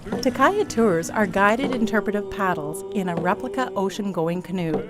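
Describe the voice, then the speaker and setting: Woman narrator, measured travel-show read, music bed behind. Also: mid-range voice. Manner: measured, informative. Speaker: documentary narrator.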